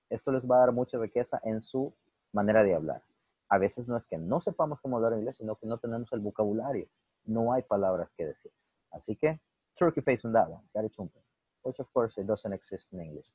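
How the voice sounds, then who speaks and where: A man teaches English in a lively bilingual lesson and drills example words slowly. His voice sits low and husky. The sound is dry and a little muffled. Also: no echo.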